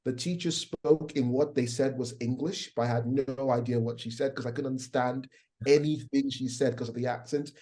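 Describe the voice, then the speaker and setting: A middle-aged man with a Nigerian accent and a faint American twang rambles casually as a guest in an interview chat, full of fillers and restarts. His voice is mid-range and warm, with fairly even intonation at a normal speed.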